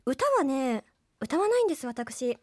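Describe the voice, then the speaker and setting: Woman, mock-posh ladylike speech, lively pitch, dry sound, leading the chat. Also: a little slow, no room sound. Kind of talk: casual group chat.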